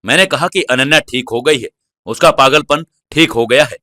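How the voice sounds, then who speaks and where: A man voicing a sharp-tongued scheming mother. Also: mid-range voice, normal speed, dry recording, studio quality. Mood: curt.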